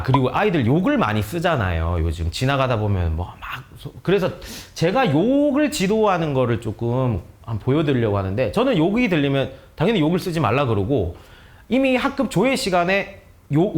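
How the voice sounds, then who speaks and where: A man's voice: medium pitch, huge pitch swings, fairly quick. A male teacher earnestly explaining how to guide students, giving practical advice to other teachers and acting out sample conversations. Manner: earnest, explanatory, acts out dialogues. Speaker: teacher, guest speaker.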